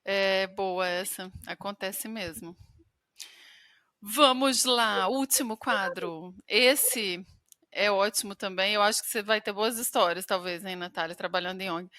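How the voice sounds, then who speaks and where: Bright, playful woman podcast host. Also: mid-range voice, measured pace, dry recording, studio quality. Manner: playful, laughs and acts out quotes. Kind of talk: casual chat.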